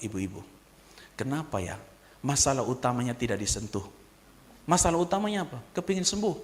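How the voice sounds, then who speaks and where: A male pastor preaching a sermon, swinging from hushed whispers to shouted peaks and calling out questions for the congregation to answer. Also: sits high. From Kupang, eastern Indonesia.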